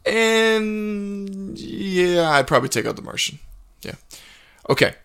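Young podcast host guy, gravelly voice, easygoing, keeps saying yeah and laughing along. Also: high voice, expressive, slow pace, a bit bright. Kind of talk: casual chat.

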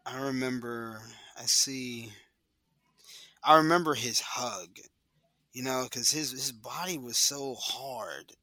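Bright-voiced man, reflective interview guest. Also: medium pitch, takes it slowly, dry recording. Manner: hesitant, trailing off with many fillers.

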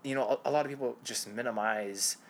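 A man's voice: mid-range voice, fairly quick, a little hiss or hum. A man co-hosting a podcast, explaining things in a casual sports chat. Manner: explanatory, lists concussion symptoms. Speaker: podcast co-host.

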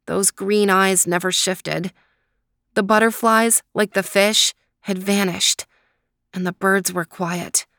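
Middle-aged woman storyteller, slow and gentle; dry, close sound with no room. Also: mid-range voice, dry recording. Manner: calm, gentle, drawn-out reading. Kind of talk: reading a children's story aloud.

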